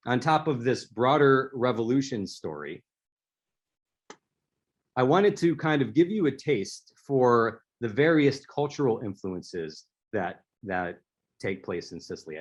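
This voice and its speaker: Guy giving an author talk, kinda husky voice, tells it like a story, restarts here and there. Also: medium pitch, very animated, measured pace, muffled recording. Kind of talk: prepared speaker-series presentation.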